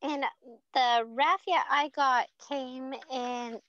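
A woman's voice: high voice, steady tone, takes it slowly, fairly bright tone, muffled recording. A woman co-hosting a craft class, chatting in a bubbly, giggly way. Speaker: co-host. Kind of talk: casual chat.

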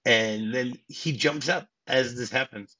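Husky man chatting on a lo-fi podcast. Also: medium pitch, measured pace, pushed and bright. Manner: chatty, many restarts and laughs. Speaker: podcast host. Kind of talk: casual film discussion.

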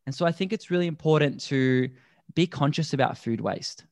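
A man, a guest on a podcast, explaining things earnestly and deliberately in a conversational interview. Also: on the high side, a little mellow, dry recording. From Australia. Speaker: podcast guest, endurance athlete.

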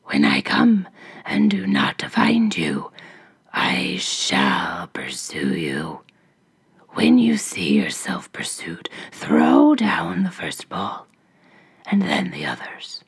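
A woman voicing a huge, tall, stout female ogress in a hoarse, very low whisper. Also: wildly swooping pitch, takes it slowly, full character voice. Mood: scheming.

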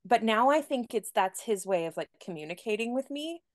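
A young adult woman appears as a podcast guest, casually chatting and telling stories full of "like" and laughter. Her voice is a little high, a little fast, expressive and slightly mellow. The studio-quality recording has no echo.

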